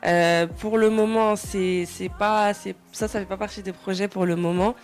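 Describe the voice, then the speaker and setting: A woman's voice: medium pitch, steady tone, moderate pace, darkish tone, soft background music. A young woman from France, a singer answering interview questions casually, hesitant with many fillers and restarts.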